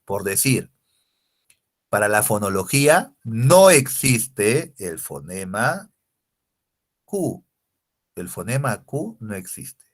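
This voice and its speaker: Lively male language teacher. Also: fairly low pitch, slow pace, pauses often. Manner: explanatory, animated, asks rhetorical questions. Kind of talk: recorded lecture.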